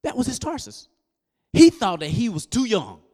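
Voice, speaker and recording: A man preaching a sermon, quizzing his congregation and building up to loud exhortation. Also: sits high, normal speed. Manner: call-and-response with the congregation; animated, rising to loud exhortation. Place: church service.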